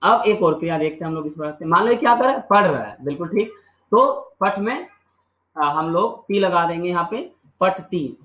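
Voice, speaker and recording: A man's voice: high-pitched, animated, moderate pace, fairly bright tone, echoey room, low-quality recording. A man teaching Sanskrit grammar in a video lesson. He asks questions and answers them himself, and drills the endings by repeating them. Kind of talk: classroom-style video lesson.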